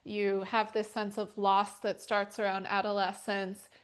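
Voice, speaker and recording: Woman, middle-aged, yoga teacher, casual rambling class talk, level even pitch, frequent fillers. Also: a little slow, clean tone. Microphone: wearing a microphone.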